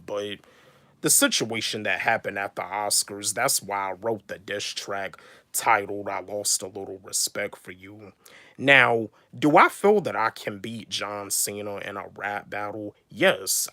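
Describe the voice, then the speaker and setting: A young man in his twenties talks to his viewers in a relaxed livestream, circling back to the same points again and again. His delivery is slow and unhurried, his voice bright and forward, and the sound is dry and close with no room around it. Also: on the low side, no echo. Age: 20s. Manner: repetitive, restates each point, calls out viewers by name. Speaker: YouTuber and rapper. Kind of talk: casual livestream chat with viewers.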